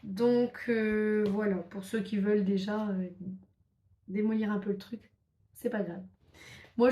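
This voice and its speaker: A woman's voice: on the high side, warm tone. A woman casually showing craft papers to camera, chatty and enthusiastic, with many fillers. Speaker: crafts vlogger. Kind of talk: casual show-and-tell. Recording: echoey room.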